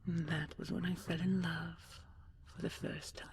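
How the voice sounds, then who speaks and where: A woman plays an ancient dragon queen in an intimate sleep roleplay, tender, regal, wise and wistful. She speaks softly and breathily, often half-whispering, in slow, measured, stately phrases with lingering pauses. Her voice is lowish and her delivery flat.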